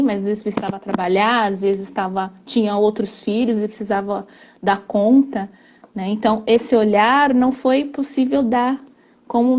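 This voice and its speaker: A woman talks earnestly as a family constellation therapist, pausing often and checking in with little tag questions. Her voice sits a bit high and sounds soft and mellow. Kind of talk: explanatory conversation.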